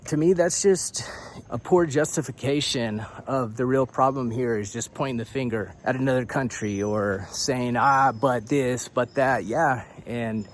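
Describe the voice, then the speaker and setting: A young man vlogs to camera in a loose, rambling way, dropping "dude" and swears and chuckling as he goes. He sounds a little out of breath, and his pitch sits in an ordinary middle range. A faint hiss of noise runs under the voice. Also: normal speed. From United States. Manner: casual and rambling, says "dude", swears, laughs between points. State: a bit out of breath. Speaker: vlogger living abroad. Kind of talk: casual talking-head vlog.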